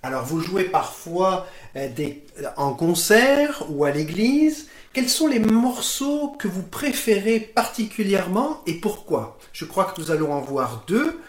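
Formal, lively interviewer in an echoey room. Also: medium pitch, a little slow. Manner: polite, formal questioning. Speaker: radio interviewer. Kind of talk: radio interview questions.

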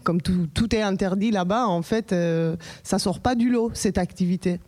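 A woman's voice: medium pitch, moderate pace, mellow. A woman from Iran talking in a casual group chat, hesitant with fillers.

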